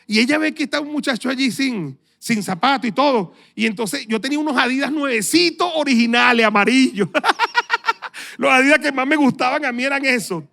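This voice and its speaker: A middle-aged male pastor with a Venezuelan accent, telling a story in a sermon, animated and acting out the dialogue. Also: very high-pitched, normal speed, vocal fry. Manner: animated storyteller, acts out dialogue, laughs often.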